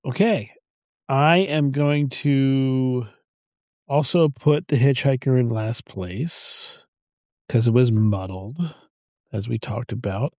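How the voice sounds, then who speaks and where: A man's voice: medium pitch, takes it slowly, darkish tone, dry recording. A man co-hosting a casual beer podcast talks through his rankings in a loose, rambling way, starting sentences over as he thinks. His voice sits in a middle range. The sound is dry and close. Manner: chatty, rambling with restarts. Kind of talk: casual chat.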